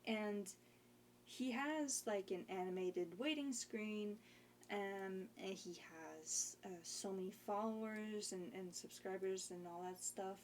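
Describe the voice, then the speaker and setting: A woman's voice: mid-range voice, slow pace, slight background noise. A young woman streamer in casual chat, rambling and hesitant with lots of fillers.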